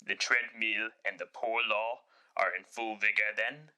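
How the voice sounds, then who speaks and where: A man's voice: lowish voice, fairly even intonation, measured pace, pushed and bright. An actor playing a cold, grumpy old miserly businessman in classic radio drama style, curt and dismissive. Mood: cold, sardonic.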